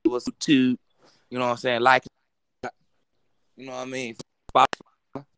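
A man's voice: mid-range voice, monotone, normal speed, fairly bright tone, smooth. A man co-hosting a casual podcast in laid-back slang, his voice breaking up and cutting out over a remote call connection. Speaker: podcast co-host.

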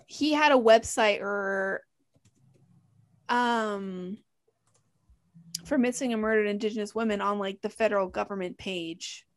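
A woman's voice: medium pitch, unhurried, long pauses. A young woman from Canada co-hosting a podcast, talking in a heated, blunt way and swearing a lot. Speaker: podcast co-host. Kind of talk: casual chat.

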